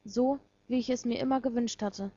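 Husky-voiced woman reading a story aloud. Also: fairly high pitch, fairly even intonation, normal speed, dark tone, dull audio. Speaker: reader of a fan story. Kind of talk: first-person storybook narration.

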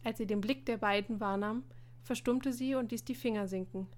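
A woman reading a story aloud as narrator, telling it in a lively way. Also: on the high side, normal speed. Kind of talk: audiobook reading.

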